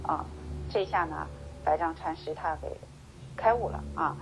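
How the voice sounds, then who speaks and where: A woman's voice: deep voice, background noise. Woman giving a storytelling Buddhist lecture. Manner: animated storytelling, acting out dialogue, many sentence-final particles; slow measured chanting when reading scripture. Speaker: Buddhist teacher.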